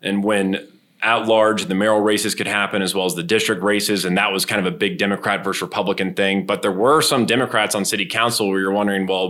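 A man's voice: lowish voice, pushed and bright. A man, a TV reporter as guest, explaining events in a casual interview.

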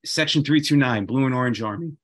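A man's voice: medium pitch, fast, a crowd in the background. A man chatting casually and enthusiastically, often repeating phrases for emphasis. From Queens, New York. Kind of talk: casual chat.

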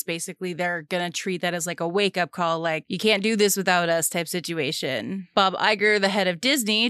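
A woman's voice: medium pitch, a bit bright, clear, resonant tone, dry recording, clean studio sound. Woman with a polished phone-voice delivery. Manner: polished, put-on phone voice, like customer service. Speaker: podcast host. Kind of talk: casual solo podcast talk about films and entertainment news.

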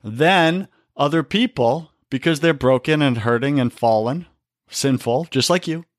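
A man's voice: on the high side, a little slow, no echo, clean studio sound. A man talking on a faith podcast, preaching with emphasis and often calling the listener brother. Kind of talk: faith-based podcast talk.

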